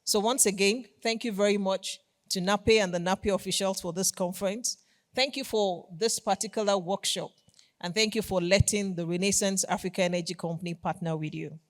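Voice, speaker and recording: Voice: mid-range voice, fairly even intonation, moderate pace. A company executive with a Nigerian accent giving a formal conference keynote with polished corporate enthusiasm, repeating key phrases for emphasis.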